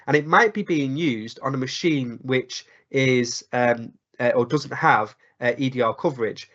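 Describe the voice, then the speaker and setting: A croaky-voiced man presenting a live technical webinar, explaining at length with many fillers and restarts. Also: medium pitch, a little slow, a bit bright. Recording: dull lo-fi webinar audio.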